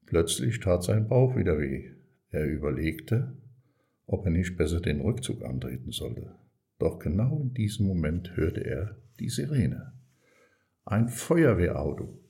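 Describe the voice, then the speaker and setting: Low-voiced guy reading a kids story, slow and mellow. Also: creaky. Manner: calm, measured storytelling. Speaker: narrator.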